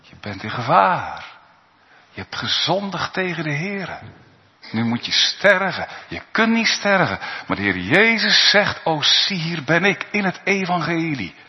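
A man preaching a sermon in earnest, rising to high cries and then dropping to hushed tones. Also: very animated, unhurried. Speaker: pastor. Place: church. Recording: dull lo-fi church recording with long reverb.

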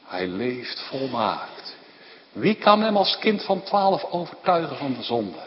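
A man's voice: mid-range voice, takes it slowly. Preacher guy, voice swings all over, long church echo, kinda dull lo-fi sound. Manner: animated, rising to emphatic outbursts, frequent tag questions. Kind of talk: sermon. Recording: dull lo-fi recording in a reverberant hall with faint background noise.

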